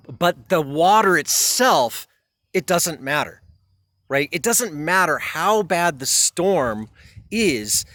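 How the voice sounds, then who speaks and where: A man with a slightly high voice talks through ideas in a loose, rambling way, restarting sentences and dropping in casual swearing. The sound is dry and close, with almost no room around it. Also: a bit bright, dry recording. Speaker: commentator. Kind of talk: casual spoken commentary.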